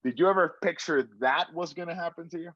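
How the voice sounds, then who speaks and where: A show host conducts a relaxed interview, his questions long and winding. He talks fast in a voice on the high side. There's no room sound, and the audio comes across dry, lo-fi, and a bit dull.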